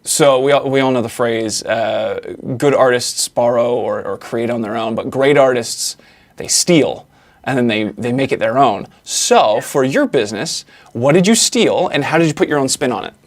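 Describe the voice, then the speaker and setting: A man's voice: mid-range voice, normal speed. A man hosting a podcast, asking questions in an upbeat, enthusiastic way. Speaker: podcast host. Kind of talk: casual interview.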